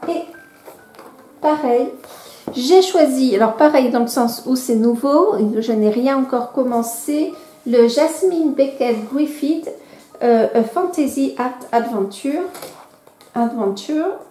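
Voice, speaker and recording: A woman's voice: high-pitched, slow pace, mellow. A woman chatting casually on a home vlog, hesitant and full of fillers, often correcting herself while showing her coloring books to a camera. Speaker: coloring vlogger. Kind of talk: casual show-and-tell vlog. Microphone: camera microphone she moves around. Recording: echoey room with faint background music.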